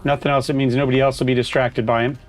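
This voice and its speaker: A man's voice: medium pitch, level tone, rapid-fire. A man casually commenting on his own gameplay, chatting to himself as he plays. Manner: chatty, talks to himself while playing. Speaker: gaming streamer.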